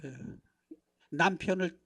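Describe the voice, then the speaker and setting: A middle-aged man leads a lively seminar from a church pulpit. He keeps checking in with the congregation and acts out everyday dialogues. His volume swings from hushed asides to loud, emphatic bursts. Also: high voice, slow. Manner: animated, acts out dialogues, constant rhetorical check-ins. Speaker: pastor. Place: church sanctuary.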